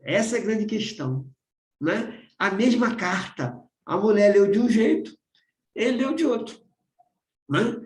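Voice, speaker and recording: A man's voice: high voice, animated, a little slow, roomy sound. A man with a Brazilian Portuguese accent leading a spiritual study group over a video call, talking conversationally and often checking in with "né?". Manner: keeps asking "né?", repeats himself.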